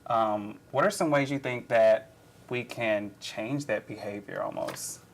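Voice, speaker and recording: A man hosting a casual group discussion, speaking in a halting way with fillers and restarts. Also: on the low side, a little hiss or hum. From Alabama. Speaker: host.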